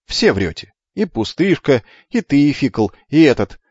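A man voicing a brash, excitable young boy twin who talks loudly and insistently. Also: mid-range voice, measured pace, breathy edge, no room sound, voice pushed up. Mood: excited. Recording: dull lo-fi with faint music.

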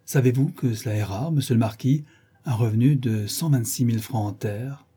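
A man voicing a smug estate steward who flatters his master in a fawning, self-satisfied tone. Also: mid-range voice, fairly quick, husky. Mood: triumphant. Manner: fawning, pleased with himself.

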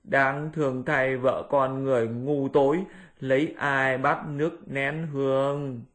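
A man doing a gentle, slow old monk master. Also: mid-range voice, steady tone, natural voice. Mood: lamenting. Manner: slow, lamenting, preachy.

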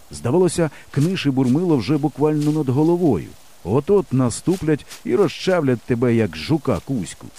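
A man narrates a first-person children's adventure with a lively, playful delivery. His tone is mellow and warm, and his pitch moves in big animated sweeps through every sentence. It sounds like a practiced audiobook reading.

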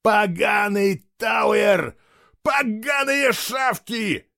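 A man voicing an enraged young man trapped in a cyborg body, bitter and swinging between whispers and ragged shouts. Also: medium pitch, expressive, brisk, no room sound, studio quality, lightly acted. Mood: furious shouting.

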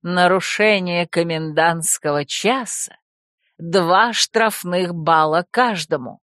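A woman's voice: lowish voice, slow, a bit bright, no echo, studio quality. A woman voicing a predatory young male werewolf bully in an audiobook, drawling his words in a mocking, gloating way. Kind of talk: audiobook character voice.

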